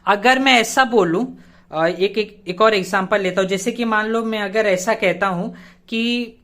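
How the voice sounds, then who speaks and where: A man's voice: sits high, measured pace, bright, forceful tone. Male tutor at a board, casual explainer who keeps checking the viewer follows and spells words out letter by letter. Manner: keeps checking in with the viewer and asks himself rhetorical questions. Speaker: English grammar teacher. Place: teaching at a board he writes on.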